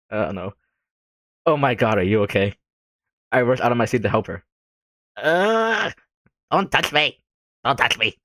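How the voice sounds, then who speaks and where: A man's voice: fairly low pitch, dry recording, studio quality. A young man reading a visual novel aloud into a desk mic, adding rambling, self-deprecating comments and frequent giggles. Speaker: let's play gamer.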